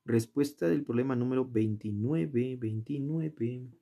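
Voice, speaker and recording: With a warm, mid-range voice touched by vocal fry, this man tutors geometry unhurriedly. The lesson is a casual walkthrough in which he chats, questions the viewer, and talks himself through the solution. It's filmed from above over a worksheet at an indoor desk.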